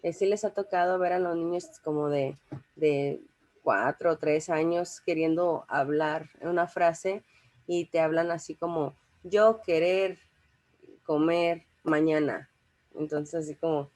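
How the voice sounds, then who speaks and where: A young woman explains grammar in a relaxed classroom manner. Her voice sits slightly low, and she talks in a loose, conversational way with frequent fillers and restarts. She keeps checking that her listeners follow. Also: moderate pace. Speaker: teacher. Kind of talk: informal classroom lecture.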